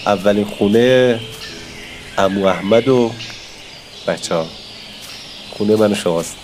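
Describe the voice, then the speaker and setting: Man, hoarse from a cold, lowish voice, chatty, excitable gameplay commentary, faint background hiss. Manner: chatty, excitable, talks to viewers. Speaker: gaming YouTuber.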